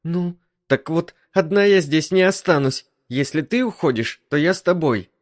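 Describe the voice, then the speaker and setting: A man voicing a shrill, fearful young wife. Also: animated, normal speed, natural voice. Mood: indignant. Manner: high, squealing and indignant. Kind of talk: audiobook reading.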